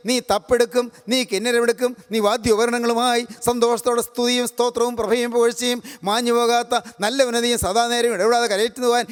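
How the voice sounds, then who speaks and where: A man's voice: very high voice, smooth. A man from Kerala preaching a sermon, repeating each scripture verse and building fervent, repetitive blessings and prayer. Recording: long hall reverb.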